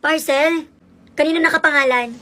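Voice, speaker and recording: A man's voice: very high-pitched, fairly even intonation, normal speed, bright, forceful tone, a little hiss or hum, full character voice. A boy playing a shrieking, furious mom. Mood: shocked. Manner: dramatic, shrieking outbursts. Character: loud, easily angered mother scolding her kids. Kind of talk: comedic skit with one kid playing every role.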